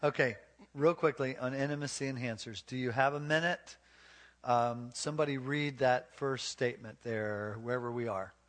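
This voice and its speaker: A man's voice: mid-range voice, moderate pace, fairly bright tone. A man preaching a marriage sermon to a congregation, his voice sitting in a middle register. He tells homespun stories in a folksy way, stumbling over restarts. He keeps turning to the crowd with questions. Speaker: pastor.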